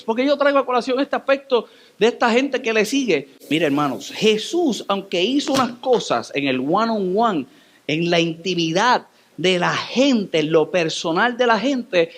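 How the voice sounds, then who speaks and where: A Puerto Rican pastor preaching in church, his voice sitting high for a man. He tells the story dramatically, leaping up and down in pitch as he acts out every turn. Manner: dramatic, animated storytelling with sudden pitch swings. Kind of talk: sermon.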